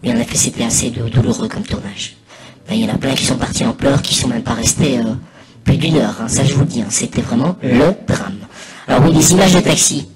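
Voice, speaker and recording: A man giving a casual, improvised mock commentary over video, rambling hesitantly and pausing mid-sentence. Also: medium pitch, animated, very noisy. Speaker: narrator of a spoof anonymous behind-the-scenes testimony. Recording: voice over loud music. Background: loud music.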